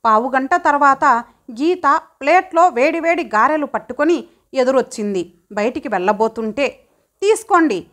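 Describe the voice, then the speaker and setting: Woman audiobook narrator, high voice, measured first-person storytelling. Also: a bit bright.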